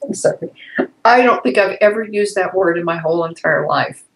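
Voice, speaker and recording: A woman's voice: lowish voice, fairly quick, vocal fry, a little hiss or hum, poor audio. An older woman, a client in a healing session, talking through memories in a rambling, hesitant way and often breaking into laughter.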